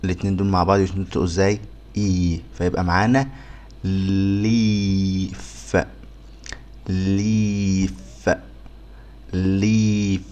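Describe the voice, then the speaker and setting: A man with an Egyptian Arabic accent teaching a phonics lesson to beginners, sounding out letters one by one and repeating each word slowly. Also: deep voice, fairly even intonation, darkish tone, faint music behind. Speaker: English teacher.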